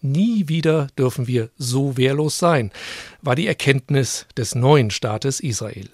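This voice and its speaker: With lively intonation and a mid-range, slightly mellow voice, this German radio co-host takes his time reading scripted narration and posing interview questions in a feature. The sound is studio quality and free of echo.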